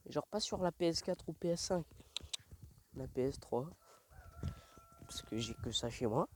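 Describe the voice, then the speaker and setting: A young man rambling in slangy, self-mocking talk while walking alone outdoors at night in a dark village, recorded on the phone he carries. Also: fairly high pitch, lively intonation, a little slow, slight background noise. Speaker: vlogger. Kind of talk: rambling casual vlog. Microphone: phone held while walking.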